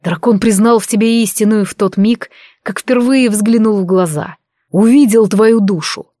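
A woman reading an audiobook voices a calm, passionate male dragon king with a low, velvety, hushed voice. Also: no echo, studio quality, natural voice. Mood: tender. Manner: slow, hushed and intimate.

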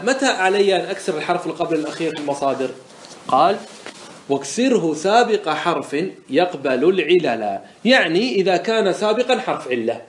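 A sheikh teaching a lesson on Arabic morphology, who drags out example words slowly and asks and answers his own questions. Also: sits high. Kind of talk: classroom lesson explaining verse. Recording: echoey room sound.

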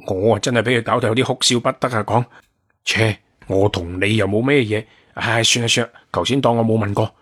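A man narrating a first-person adventure novel in a measured, wry storytelling manner. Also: fairly low pitch, slightly rough.

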